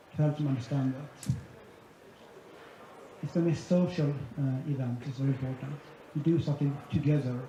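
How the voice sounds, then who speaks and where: Male conference speaker with a warm, dark tone. Methodical delivery, recorded far off in a large hall with faint room noise. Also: a little high. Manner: methodical, summarizing point by point. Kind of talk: conference presentation. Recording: echoey hall, dull sound, faint ambience.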